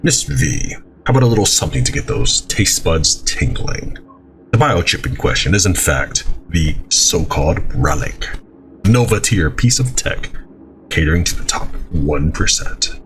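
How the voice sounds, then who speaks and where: A man's voice: low-pitched, sing-song, moderate pace, background noise. An actor playing a self-assured big-time gangster fixer in a video game, speaking in a sly, grandiose way and savoring his words. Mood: sly, pleased.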